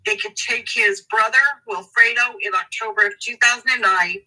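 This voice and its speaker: A woman advocate in an interview, speaking emphatically and indignantly, slowing down to stress key words. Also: medium pitch, fairly even intonation, pushed and bright, far from the mic, low-quality recording. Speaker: advocate for a family in a custody case. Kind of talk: interview guest, reading court documents.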